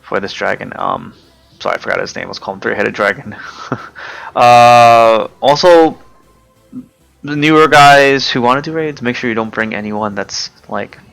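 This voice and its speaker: A man giving casual, hesitant commentary over his own gameplay, often pausing with fillers and forgetting names. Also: medium pitch, creaky, a bit bright, soft background music. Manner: hesitant, many fillers, loses track of names. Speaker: gaming video creator.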